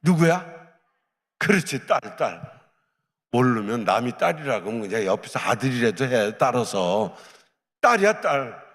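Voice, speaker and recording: A male pastor telling a lively personal story in a sermon, acting out the dialogue as he goes. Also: mid-range voice, normal speed, big-room sound. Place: church hall.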